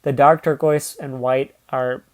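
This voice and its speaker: A man's voice: medium pitch, fairly even intonation, unhurried. A man casually reviewing toy building sets, rambling with lots of fillers and restarts.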